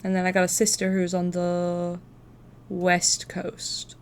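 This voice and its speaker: A woman's voice: fairly low pitch, monotone, slow pace, a little hiss or hum. A woman hosting a casual livestream, chatting in an informal, profane, talkative way. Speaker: live stream host.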